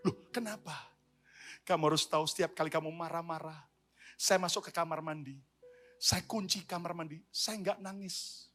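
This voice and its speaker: A smiling, sly wife confesses with mock calm, as a male preacher plays her. The voice stays the preacher's own bright, fairly high tone. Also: normal speed, soft background music.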